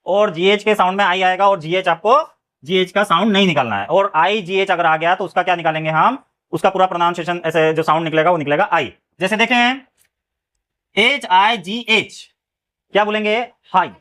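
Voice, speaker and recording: A man teaches phonics rules. He spells words out slowly, letter by letter, then stops to check that his students have followed. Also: sits high, a bit bright. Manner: spells words letter by letter, keeps asking "clear?". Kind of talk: phonics lesson.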